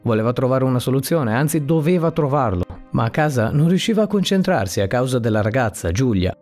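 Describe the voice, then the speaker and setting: A man narrating a dramatic story podcast in a steady, plain reading voice. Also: medium pitch, a little fast. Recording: faint background music. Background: soft music.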